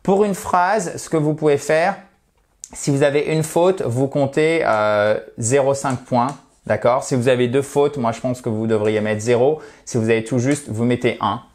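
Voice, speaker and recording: A man's voice: mid-range voice, steady tone, moderate pace, darkish tone. Male teacher, casual online lesson, chatty, reassuring, friendly asides. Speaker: English teacher.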